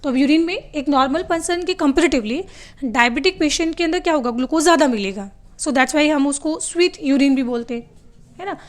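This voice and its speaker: A woman's voice: high-pitched, brisk. A woman teaching a biology class, who asks her students questions and answers them herself, often switching to English terms. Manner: calls her students "beta" and tells them to write things down. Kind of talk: classroom lecture.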